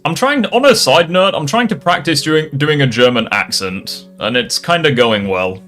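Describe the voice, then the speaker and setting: Bright-toned swearing YouTube commentator. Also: male voice, on the high side, lively intonation, normal speed, soft background music. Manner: irreverent, swears, rambling asides. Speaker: YouTuber responding to critics. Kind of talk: casual commentary.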